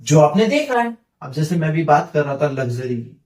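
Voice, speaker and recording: A man teaching an English lesson in a lively, teasing way, asking and answering his own questions. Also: fairly high pitch, moderate pace. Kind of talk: classroom lesson. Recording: echoey room, mic far off.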